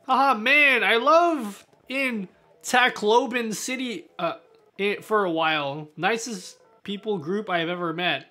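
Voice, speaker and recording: A man's voice: high-pitched, measured pace, sharp tone, faint music behind. A man streaming live, chatting casually with viewers and answering their questions in a laid-back way, often laughing and trailing off mid-sentence.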